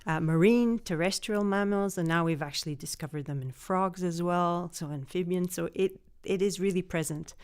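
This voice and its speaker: A woman's voice: on the low side, normal speed, hardly any pauses, clear, resonant tone. A middle-aged woman raised in Portugal, earnestly explaining her microbiology research in an interview. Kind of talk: interview answers.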